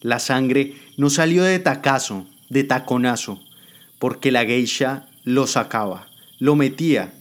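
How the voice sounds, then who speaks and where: A man narrating a dramatic story in a plain, mid-pitched voice. He reads steadily but sometimes stumbles over a word and corrects himself before going on. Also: measured pace. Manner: occasional stumbles and self-corrections. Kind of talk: reading a dramatic story aloud.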